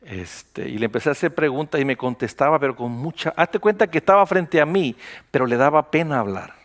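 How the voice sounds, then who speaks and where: A man's voice: fairly high pitch, brisk. A man, a pastor preaching a sermon in a conversational storytelling way and acting out dialogue. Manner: conversational, animated retelling with acted dialogue.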